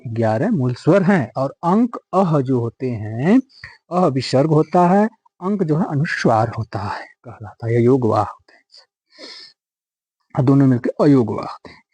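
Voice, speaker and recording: A man's voice: a little high, dark tone, dry recording. A man teaching an exam-prep grammar lesson, often repeating each question and answer and drawing out words for emphasis.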